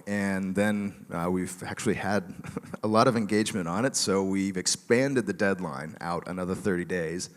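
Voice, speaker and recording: Man speaking in a reverberant auditorium. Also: low-pitched. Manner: relaxed, joking presenter with many fillers. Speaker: conference speaker. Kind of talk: conference talk. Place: large conference auditorium.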